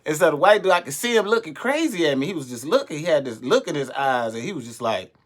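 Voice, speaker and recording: A young adult man, a comedian, telling a story in an animated, profane way and acting out the voices of the people in it. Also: on the high side, a little fast. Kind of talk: storytelling monologue.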